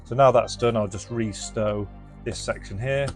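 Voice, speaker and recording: A British man hosts a retro gadget restoration channel and demonstrates a product in his garage, reviewing it informally and unscripted while explaining as he goes. His voice is medium-pitched and moderately paced, picked up by a body-worn mic with music playing behind him.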